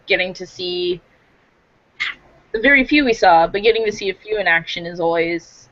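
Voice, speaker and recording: A woman's voice: medium pitch, fairly bright tone, no room sound, lo-fi sound. A woman in a casual fan recap chat, talking enthusiastically. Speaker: podcast co-host.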